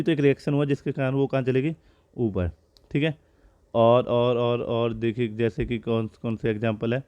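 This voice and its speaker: A man's voice: medium pitch, a little mellow. A male teacher giving a physics lecture in a conversational classroom style, asking questions and answering them himself. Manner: explains step by step, asks and answers his own questions.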